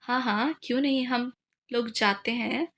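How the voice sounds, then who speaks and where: A mischievous young man, all jokes and teasing, from an audiobook romance, read by a woman. The voice sits fairly high and stays close to the reader's own everyday tone. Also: fairly even intonation, a little slow, fairly bright tone. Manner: mischievous, joking. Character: young man, playful teasing brother-in-law.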